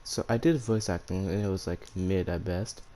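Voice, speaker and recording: Low mellow man who says W for R. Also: steady tone, moderate pace. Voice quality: speech impediment, pronounces R as W. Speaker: YouTube storyteller and channel host. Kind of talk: casual narration of fan fiction story.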